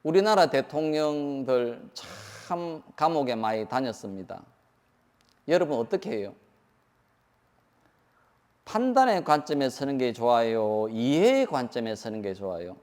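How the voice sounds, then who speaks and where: A man's voice: mid-range voice, big pitch swings, a little slow, a little mellow, long reverb tail. A man giving a Buddhist sermon. He keeps asking the audience questions and acts out the lines he quotes. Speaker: Buddhist monk preaching.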